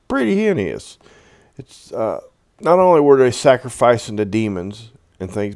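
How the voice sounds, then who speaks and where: A man with a low-pitched voice gives a Bible lesson, reading passages and explaining them in a loose, conversational way full of restarts. The recording is dry and close, with no room sound. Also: a little mellow, dry recording. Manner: conversational, halting, many fillers and restarts while explaining. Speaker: Bible teacher. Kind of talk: Bible teaching with scripture reading.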